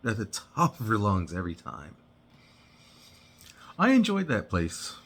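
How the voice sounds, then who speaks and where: A man casually telling a personal story, halting and rambling with many restarts and "you know"s. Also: lowish voice, wildly swooping pitch, a bit bright.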